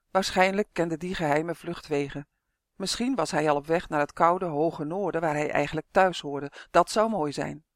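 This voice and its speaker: A narrator reading a children's fantasy audiobook in a calm, expressive storytelling manner. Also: mid-range voice, dry recording, clean studio sound.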